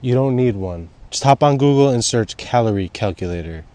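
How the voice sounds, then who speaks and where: A man's voice: mid-range voice, expressive, brisk, dark tone, no echo. A man talking casually as a vlogger, telling his story and giving tips in a laid-back, slangy way. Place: outdoors in wind.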